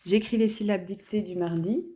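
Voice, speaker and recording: A woman's voice: medium pitch, fairly even intonation, warm tone, slightly rough. A woman teacher reading homework aloud, sounding out syllables one by one and patiently explaining simple words for young children. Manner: slow, deliberate syllable-by-syllable reading. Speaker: schoolteacher. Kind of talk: homework reading and dictation lesson.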